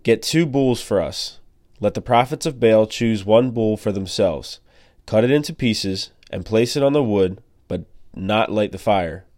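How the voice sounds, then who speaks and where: A man reading the part of a stern, commanding male prophet in a measured, solemn way. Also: fairly low pitch, a little mellow, no room sound, clean studio sound, lightly acted.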